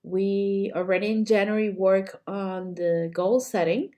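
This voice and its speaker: A woman coach with a flu teaches a live-streamed class through her computer mic. She speaks slowly and unhurriedly, and her voice is a little hoarse. She chats warmly with viewers and keeps apologizing. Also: mid-range voice, steady tone. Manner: apologetic, chatty, greets viewers by name. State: sick with a flu, slightly hoarse. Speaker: cake decorating coach. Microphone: computer mic while streaming.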